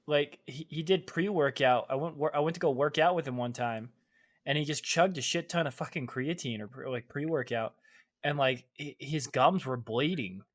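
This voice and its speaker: Brief: young male co-host, slightly high-pitched, eager banter. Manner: excitable, profane, quick to laugh. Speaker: podcast co-host. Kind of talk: casual chat.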